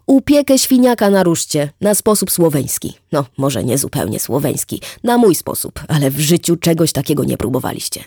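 A booming, excitable neighbor man , voiced by an audiobook reader who talks over everyone and ends every line with a question. His voice swings widely with a gravelly edge. It sits close and dry, with no room around it. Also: normal speed, hardly any pauses, dry recording, heavily acted. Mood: boisterous. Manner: excitable, keeps tagging questions onto sentences. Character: loud chatty middle-aged neighbor man, boastful. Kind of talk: audiobook character voice.

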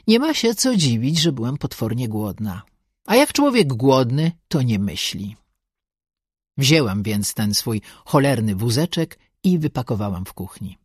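A woman's voice: rumbling low, darkish tone, slightly rough, no room sound. A woman narrating a first-person audiobook with a sardonic, bossy and dryly comic manner, close to the mic.

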